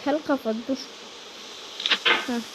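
A woman's voice: high-pitched, fairly even intonation, takes it slowly. A woman giving casual gameplay commentary, exasperated and scolding her game character. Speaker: gaming channel host. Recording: loud background noise.

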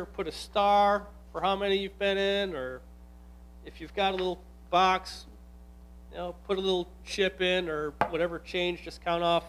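A man's voice: sits high, fairly bright tone, a little hiss or hum. A man in his forties, a pastor giving an earnest, conversational sermon from a pulpit in a church hall. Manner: earnest, conversational preaching with asides. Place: church hall with altar table. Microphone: stand microphone at pulpit.

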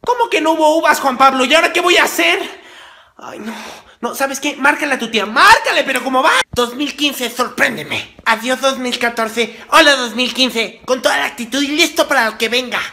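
A woman's voice: sits high, brisk, sharp tone. A woman with a Mexican Spanish accent acting out exaggerated comedy sketches, switching between mother and child roles.

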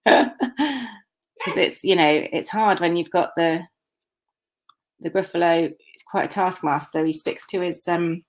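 A woman's voice: on the low side, slow pace, pauses often. A woman, hosting an online festival from her home kitchen over a webcam, chatting casually with lots of fillers and jokes. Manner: chatty, jokey, frequent fillers and laughs. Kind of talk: casual live-stream chat. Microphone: laptop webcam video call.

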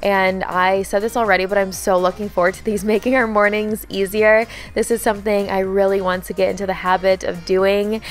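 A young woman narrates her cooking vlog in a chatty, upbeat voice-over, walking through each step as she goes. Her pitch sits in an ordinary middle range. Soft music plays quietly beneath her voice. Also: little pitch movement, a little fast, hardly any pauses. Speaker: home vlogger.

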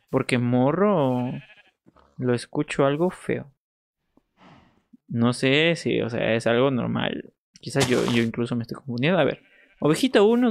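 Male streamer, playful and chatty, mid-pitched, casual gameplay commentary with sing-song asides. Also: gravelly. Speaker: gaming streamer.

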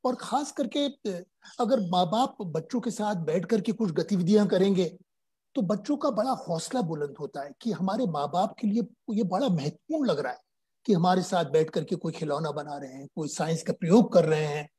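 An older man from Uttar Pradesh, India, appears as a guest science popularizer, answering interview questions in an earnest, explanatory way and occasionally slipping into English phrases. His voice is mellow and dark-toned with a husky, slightly rough edge, yet high-pitched and animated. He speaks at a normal speed.

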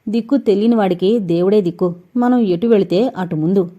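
A woman voicing a sharp-tongued young woman with a wry, dispirited way of talking. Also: medium pitch, fairly quick, highs cut off, close to an everyday voice.

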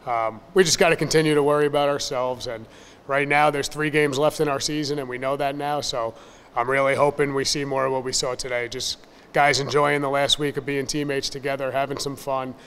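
A man in his thirties, a baseball coach, answering questions at a postgame press conference in a measured, upbeat, plain-spoken way from a table mic. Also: medium pitch, level tone, fairly bright tone, long reverb tail, a little hiss or hum. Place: press room in front of a sponsor backdrop. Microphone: table mic on a stand.

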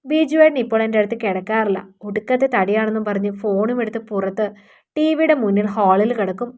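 A woman voicing a hurt young housewife who pleads and complains softly. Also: mid-range voice, animated, brisk, natural voice.

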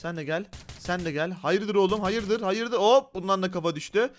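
A man hosting a playful game video, excitable and jokey, talking to viewers. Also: high voice, moderate pace, faint music behind. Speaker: gaming host. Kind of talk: playful game commentary and role-play.

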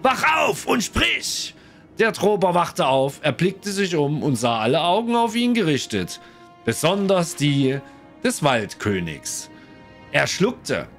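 Lively male let's-play streamer, a bit higher than average, reads lore aloud between chatty asides. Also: unhurried, soft background music. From Germany. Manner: chatty, lively, addresses viewers. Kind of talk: casual game commentary and reading aloud.

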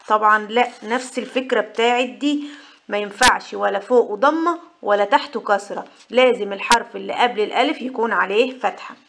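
A woman with an Egyptian Arabic accent, her voice sitting a little high, teaches a step-by-step lesson. She poses a question and then answers it herself in a patient, explaining way. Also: a bit bright. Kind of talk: whiteboard lesson for mothers.

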